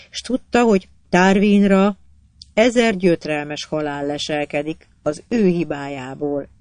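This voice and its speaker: A narrator reads a novel aloud with even, measured pacing. The voice sits in a middle pitch. The recording is close and completely dry. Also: no echo. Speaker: audiobook narrator. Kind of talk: scripted narration.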